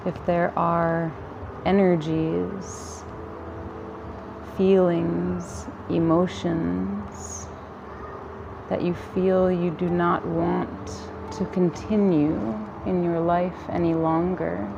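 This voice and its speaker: A woman guiding a yoga nidra relaxation in a calm, soothing, gentle manner with long pauses between phrases. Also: lowish voice, gravelly, muffled recording, noisy background. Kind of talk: guided relaxation meditation.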